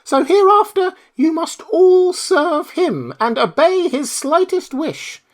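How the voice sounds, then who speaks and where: A storybook reader voicing a tiny, proud queen of the field mice in a very high, squeaky voice. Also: sing-song, slow, full character voice. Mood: anxious. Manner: indignant, dainty.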